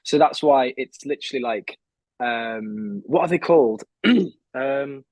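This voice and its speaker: A man's voice: mid-range voice, unhurried, darkish tone, dry recording, rough recording. A man in his twenties, a songwriter guest on an interview, talking in a chatty, rambling way with many fillers and restarts. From England. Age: 20s. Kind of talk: casual interview chat.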